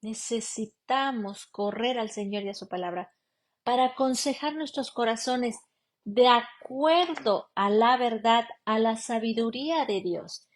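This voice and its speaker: This woman, both a lawyer and a radio program preacher broadcasting from Canada, gives an earnest sermon full of direct questions to listeners, whom she calls beloved sister. Her pitch is fairly high and her delivery unhurried.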